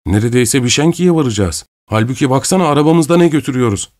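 A man's voice: mid-range voice, expressive, quick pace, a little mellow, no echo, studio quality, voice pushed up, close to an everyday voice. A man voicing a timid, frightened young male peasant in a storybook reading, with a pleading, trembling delivery.

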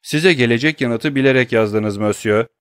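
Here a male audiobook reader performs a cold, grimly menacing young nobleman, keeping each line hard and clipped, at a normal speed and in a natural voice. Compared with the narration, the character comes across a bit higher and a bit louder. The tone is clean, and the close, dry recording carries no echo or room sound.

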